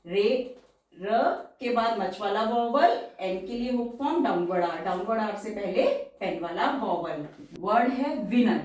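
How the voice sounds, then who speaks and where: Slow, echoey woman teaching. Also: mid-range voice, animated, a little mellow. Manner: slow, repeats each example word several times, drawn out. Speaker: shorthand teacher. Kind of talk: explanatory lesson. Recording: very echoey room, voice far from the mic.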